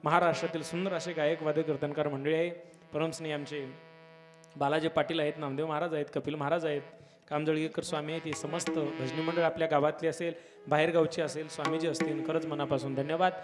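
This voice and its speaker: A man preaching a devotional kirtan sermon at a village gathering, fervent, swelling to loud exclamations. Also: fairly high pitch, flat delivery, fast talker, music in the background. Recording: long hall reverb with harmonium and tabla.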